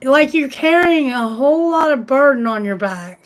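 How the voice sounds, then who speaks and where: A woman's voice: high voice, lively intonation, moderate pace, rough recording. A woman doing a live tarot reading, chatty and exclamatory, thinking aloud, and losing her voice. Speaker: tarot reader.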